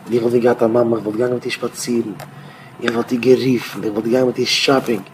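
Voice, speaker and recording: A man, a rabbi, giving an informal Torah talk in a rambling, conversational way with sudden louder bursts. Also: mid-range voice, flat delivery, fast, background noise.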